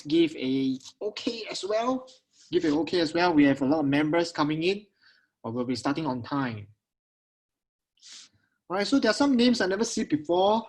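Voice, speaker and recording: A man's voice: on the high side, rough recording. A man with a Singaporean accent hosting a casual live online webinar in Singlish, repeating phrases and often checking in with his listeners. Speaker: investment webinar host. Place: at home on a video call.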